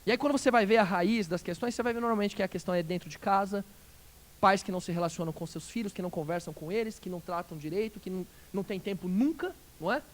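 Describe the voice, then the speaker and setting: A male pastor preaching a sermon, asking the congregation questions and swinging between loud emphatic phrases and quiet dropped endings. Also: high voice, fast. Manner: asks the congregation rhetorical questions.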